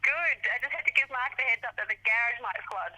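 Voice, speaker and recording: A woman calling in briskly and apologetically, heard over a speakerphone. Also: fairly high pitch, sharp tone, poor audio. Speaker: caller. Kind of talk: quick apologetic phone call.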